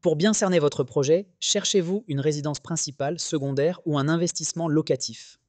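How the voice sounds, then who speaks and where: A man's voice: a little high, brisk, a little mellow, dry recording. Chirpy, cheerful robotic-sounding phone agent, a man. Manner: upbeat, polite, formulaic. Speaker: real estate phone receptionist. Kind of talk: scripted phone customer service.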